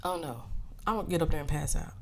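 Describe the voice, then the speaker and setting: A woman vlogger with a deep, gravelly voice tells a story in casual podcast style. She talks straight to her listeners, swears freely and acts out what others said. A faint noise sits under her voice. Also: expressive, fast talker, a little mellow. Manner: profane, chatty, addresses listeners as y'all; acts out quoted dialogue.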